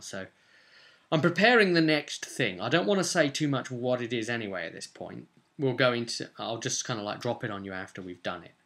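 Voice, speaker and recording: Here a game master in his twenties, British, recaps sessions as a vlogger in a small indoor room at home. His medium-pitched voice has a sharp edge, and he rambles casually to camera, often adding tag questions.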